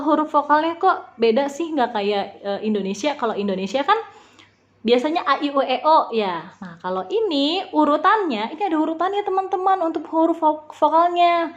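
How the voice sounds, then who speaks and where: A woman teaching a beginner language lesson, patiently spelling out sounds and repeating them slowly. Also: sits high, lively intonation, lo-fi sound.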